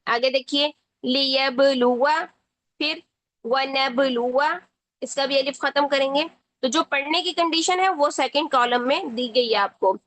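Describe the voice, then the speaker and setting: Woman, high voice, Quran reading teacher, patient and slow on each word. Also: fairly bright tone, no echo, rough recording. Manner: patient, repeats words slowly for the learner; checks in often with short asides. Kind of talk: step-by-step tajweed lesson.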